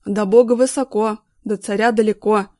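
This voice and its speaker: A woman's voice: mid-range voice, fairly even intonation, normal speed, natural voice. A woman reading a novel aloud, voicing a cocky, defiant young male cameraman. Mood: cool defiant. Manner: unruffled, then shouting back.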